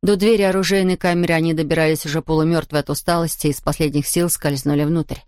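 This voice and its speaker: A woman narrating a children's storybook in a calm, even manner. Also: sits low, fast talker, no echo, studio quality. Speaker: audiobook narrator. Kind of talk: scripted narration.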